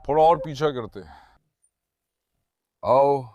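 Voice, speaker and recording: A man filming his dogs, talking to viewers and calling and calming the dogs. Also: medium pitch, slow pace, no room sound, lo-fi sound. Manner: talks to viewers and calms his dogs in turns. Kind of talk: casual commentary to viewers.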